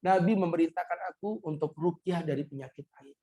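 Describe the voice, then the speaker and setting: A man's voice: a little high, brisk, dark tone. A middle-aged man delivering a humorous Ramadan sermon in a mosque, addressing listeners directly and quoting Arabic scripture. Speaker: preacher.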